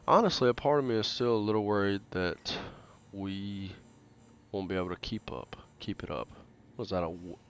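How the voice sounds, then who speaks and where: Low-voiced man reading game text aloud. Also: slight background noise. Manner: casual, swears freely, reads in a halting way with restarts. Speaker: gaming channel host.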